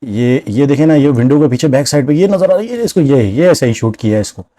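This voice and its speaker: Fast-talking man calling a game live. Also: mid-range voice, no echo, poor audio. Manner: excitable, narrates the action play by play with many repetitions. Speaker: gameplay commentator. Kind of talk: let's-play game commentary.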